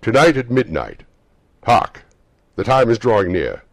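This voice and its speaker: Male reader voicing the aging Christmas spirit: solemn, booming, raised pitch, husky grain. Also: very animated, a little slow, dry recording, clean studio sound, exaggerated voice. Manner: booming, grave proclamations. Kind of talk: storybook reading.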